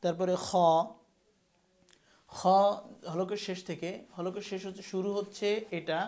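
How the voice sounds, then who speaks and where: A man teaching how to pronounce Arabic letters, repeating each sound slowly and firmly for learners to copy. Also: high-pitched, flat delivery, a little mellow. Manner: slow, demonstrative, repeats each sound emphatically. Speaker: Quran teacher. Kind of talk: pronunciation lesson.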